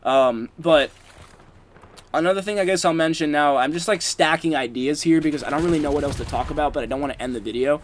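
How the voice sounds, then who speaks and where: A man's voice: on the high side, fast talker, slight background noise. A young man giving casual, rambling commentary over gameplay, swearing often and filling gaps with ums and likes. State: has the hiccups. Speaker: gaming YouTuber.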